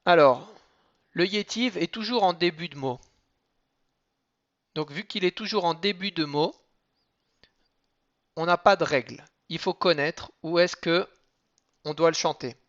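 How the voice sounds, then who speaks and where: A man gives a patient lesson on cantillation marks, moving through each rule step by step. He breaks into slow chanted examples between the explanations. His voice sits a little high, and the recording sounds dull and lo-fi. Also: a bit bright. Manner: explains rules step by step, then chants Hebrew examples slowly. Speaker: teacher of Torah cantillation.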